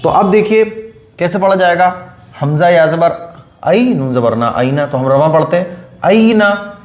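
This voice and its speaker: A man leads a Quran reading class, patient and repetitive, stretching syllables slowly to show how they sound. His voice sits a little high for a man. The sound is echoey, as if he is in a bare room. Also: expressive. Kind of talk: online recitation lesson.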